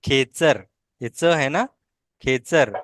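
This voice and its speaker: A woman teacher with a low voice runs a patient pronunciation drill. She says each word slowly, repeats it and corrects mistakes. The sound is close and dry. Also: no echo. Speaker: language teacher.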